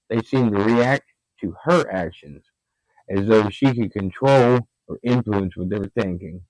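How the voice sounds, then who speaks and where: A man tells a haunting story in a loose, conversational way, dropping curses and fillers and leaning hard on key words. His voice sits on the low side, and the recording is dry and close. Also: a little mellow, dry recording, poor audio. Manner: profane, conversational, with fillers and emphatic bursts. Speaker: narrator. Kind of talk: casual storytelling narration.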